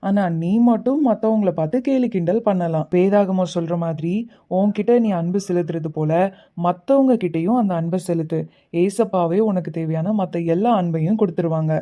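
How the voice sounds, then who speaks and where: A woman voicing a kind schoolboy in a kids' puppet show, patient and gently preaching. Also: lowish voice, normal speed, close to an everyday voice. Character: kind gentle schoolboy Mike who shares. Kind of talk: kids puppet show acting.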